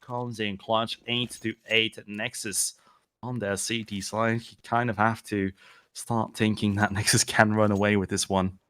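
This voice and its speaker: A man with a Belgian accent commentates live on esports. His voice is on the low side as he calls the match play by play. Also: little pitch movement, measured pace, a bit bright, clean tone.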